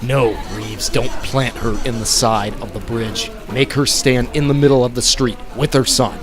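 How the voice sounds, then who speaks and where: An actor playing a commanding, theatrical vigilante in an old time radio drama, speaking formally and pompously. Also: male voice, mid-range voice, fairly even intonation, moderate pace, a crowd in the background, natural voice. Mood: stern, urgent. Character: commanding, theatrical male masked vigilante of 1920s. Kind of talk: 1920s-set old time radio acting.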